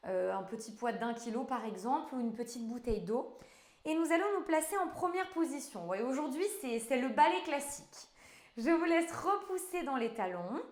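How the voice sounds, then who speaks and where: Echoey French-speaking pilates coach, high voice. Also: female voice. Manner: counting out reps, giving short commands. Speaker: pilates instructor. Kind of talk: guided fitness class instruction. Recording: echoey room, voice from afar.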